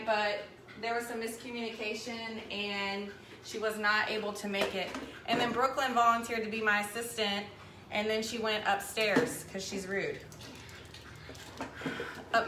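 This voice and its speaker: A woman's voice: mid-range voice, sharp tone. A woman, hosting a live cooking demonstration in her home kitchen, chatting and rambling as she works. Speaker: cooking show host. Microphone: camera mic at a distance across the counter. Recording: echoey kitchen with background noise.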